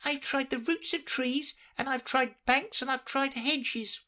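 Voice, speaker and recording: Fretful, indignant storybook pigeon, shrill and high-pitched. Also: female voice, fairly even intonation, measured pace, bright, forceful tone. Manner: shrill, accusing, sobbing complaints. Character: fretful shrieking female pigeon, indignant and suspicious.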